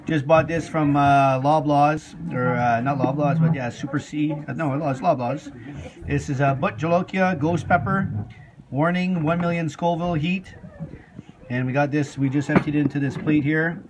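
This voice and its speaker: A man's voice: on the high side, steady tone, normal speed, a crowd in the background. A middle-aged man, chatting casually to camera as host of a homemade challenge video. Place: home kitchen. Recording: noisy handheld home video.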